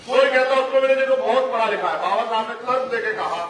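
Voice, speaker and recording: A man's voice: extremely high pitch, quick pace. A man giving an impassioned political speech at an outdoor election rally, stopping now and then to direct the crowd. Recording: echoey loudspeaker sound from far off with crowd noise. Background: large crowd.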